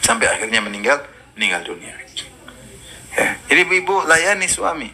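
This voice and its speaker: A man's voice: fairly high pitch, normal speed. A man giving a religious lecture, telling stories with energy and reciting Arabic verses. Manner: lively storytelling, quoting Arabic verses. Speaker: preacher.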